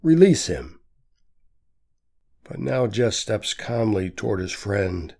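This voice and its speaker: A man reading a story aloud as an audiobook narrator, in a measured, steady manner. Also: on the low side, gravelly. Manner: slow, measured reading with quietly voiced quotes. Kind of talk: scripted narration.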